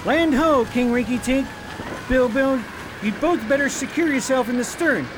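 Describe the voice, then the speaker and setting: A man's voice: extremely high pitch, moderate pace, background noise. A man playing an earnest, plain-spoken young prince and boy sailor in a radio play. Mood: urgent. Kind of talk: theatrical radio play acting.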